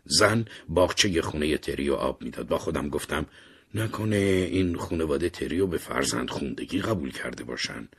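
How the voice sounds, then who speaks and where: A man narrating a dark story in the first person, with calm, even scripted storytelling. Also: extremely low pitch, slightly rough.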